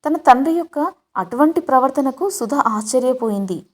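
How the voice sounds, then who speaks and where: A woman telling a scripted story in steady, dramatic narration. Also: sits high, normal speed.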